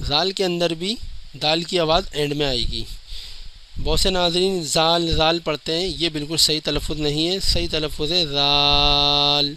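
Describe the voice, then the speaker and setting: A man with a bright, somewhat high voice leads a careful lesson, stretching out each letter sound so it can be copied. He talks straight to his viewers as a patient teacher would, and a faint hiss of room noise sits behind him. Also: rough recording. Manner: often addresses viewers directly. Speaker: Quran teacher. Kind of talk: step-by-step spoken lesson.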